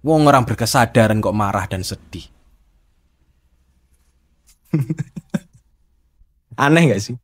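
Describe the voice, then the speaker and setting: A man's voice: mid-range voice, lively intonation, slow, pauses often. Teasing man. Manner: teasing, rhetorical, challenging the listener. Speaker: host. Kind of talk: casual spiritual monologue.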